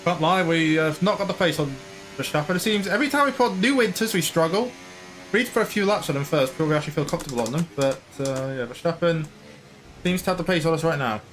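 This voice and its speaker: Guy rambling over a racing game, slightly high voice, mock commentator bits. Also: animated, quick pace, fairly bright tone. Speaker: gaming YouTuber.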